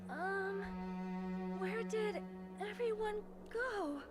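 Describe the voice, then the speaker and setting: A woman voicing a soft-spoken, hesitant teenage girl from a video game, reading her lines aloud while playing. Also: very high-pitched, over loud music, voice pushed up, heavily acted. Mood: timid. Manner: hesitant, halting.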